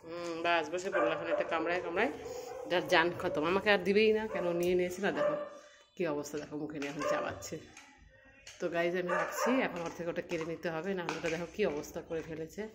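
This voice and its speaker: Woman vlogger at home, low natural voice, playful teasing with cooing high spikes, noisy room with a dog. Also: steady tone, fast. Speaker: vlogger filming her pet dog. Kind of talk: casual pet vlog commentary.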